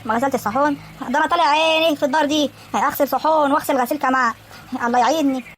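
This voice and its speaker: Woman voicing a fast, whiny, sharp-tongued village girl. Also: sits high, a little hiss or hum. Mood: complaining. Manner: quick, whiny, defiant. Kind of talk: cartoon voice acting.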